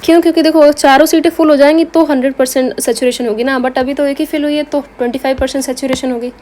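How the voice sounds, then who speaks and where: A woman's voice: high voice, fairly even intonation, quick pace, a little mellow, a little hiss or hum. A woman teaching biology in a lecture, asking herself rhetorical questions and answering them, with terms. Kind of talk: explanatory lecture.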